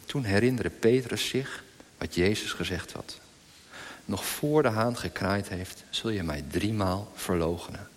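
Male scripture reader, calm and steady, low voice, reverberant hall. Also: unhurried. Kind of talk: Bible reading in a church service.

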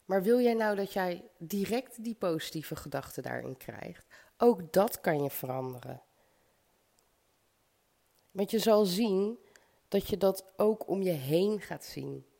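A woman's voice: on the low side, animated, slow pace, creaky, dark tone. A woman with a slight cold and stuffy nose, giving an encouraging motivational podcast monologue straight to the listener. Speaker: podcast host. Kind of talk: motivational self-help podcast monologue, addressing the listener directly.

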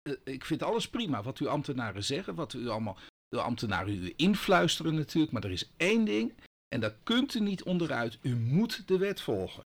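A man's voice: on the high side, sing-song, a little fast. A man chatting casually as a co-host, interjecting and pressing with questions. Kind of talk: casual chat.

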